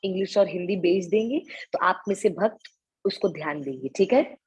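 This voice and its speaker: An Indian woman teaching an online devotional class, chanting verses slowly and breaking words into syllables so students can copy the pronunciation, with English words mixed in. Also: on the low side, lively intonation, a little mellow, slightly rough, low-quality recording.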